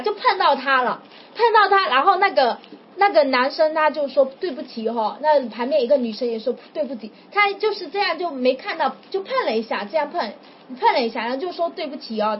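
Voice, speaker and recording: A woman preaching informally to a small group, telling a story in a chatty, animated way. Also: high-pitched. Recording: dull lo-fi with faint noise.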